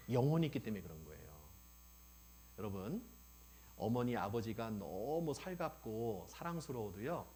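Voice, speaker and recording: A man preaching a sermon as pastor, telling stories with lively acted-out quotes and asking the congregation questions. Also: mid-range voice, slight background noise. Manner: animated storytelling, acting out quoted old people.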